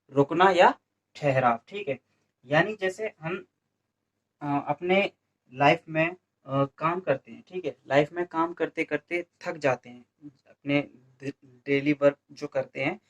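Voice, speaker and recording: In a Hindi grammar lesson for an exam coaching class, a man from India speaks with a somewhat high, slightly bright voice. Questions get repeated and answered by him alone, with "ठीक है" (okay) coming up frequently.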